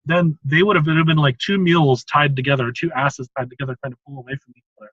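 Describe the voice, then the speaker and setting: A man's voice: fairly high pitch, steady tone, fast, fairly bright tone, no echo, lo-fi sound. A man hosting an interview, explaining conversation techniques in a casual, teaching way with frequent chuckles. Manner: explanatory, chuckles often between points. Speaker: host.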